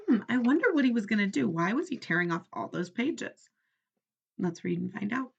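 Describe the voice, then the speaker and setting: Like a teacher with young children, a woman reads aloud at an unhurried pace, her pitch roaming widely and her voice carrying a creaky, breathy edge. She is expressive and instructive, asking questions to make sure they follow. The recording sounds slightly dull.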